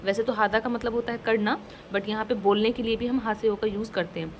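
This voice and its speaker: A woman teaching a casual language lesson, slowly explaining each phrase and repeating it twice, mixing English words into her talk. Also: fairly high pitch, fairly even intonation, slight background noise, low-quality recording. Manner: mixes English words into Hindi.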